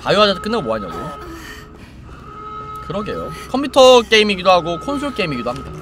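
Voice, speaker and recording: A man's voice: high-pitched, wildly swooping pitch, quick pace, over music. A young man casually commenting on a game as a streamer, joking with his viewers in a playful, chatty way. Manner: playful, chatty, puts on silly voices.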